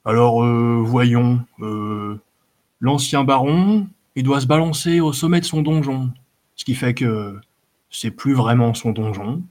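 A man's voice: mid-range voice, steady tone, takes it slowly, a little mellow, natural voice. A man playing a fat, sly bandit chief. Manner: drawling, hesitant, crafty. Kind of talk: audiobook character voice.

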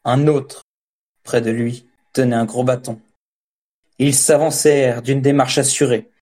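A man reading a first-person story as an audiobook narrator, in a measured, steady storytelling voice. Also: medium pitch. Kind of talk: scripted narration.

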